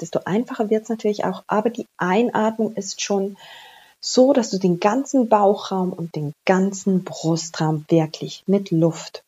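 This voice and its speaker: Slow-paced woman explaining an exercise. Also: medium pitch, darkish tone, slightly rough, highs cut off. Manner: personal, explanatory, addresses listener informally. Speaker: breathing exercise instructor. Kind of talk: informal instructional talk.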